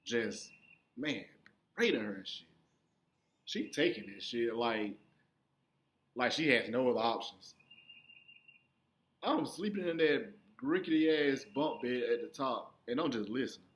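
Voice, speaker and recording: A young man telling a profane stand-up story, acting out his younger self in sudden high squeaky voices. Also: expressive, measured pace, pauses often. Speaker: stand-up comedian.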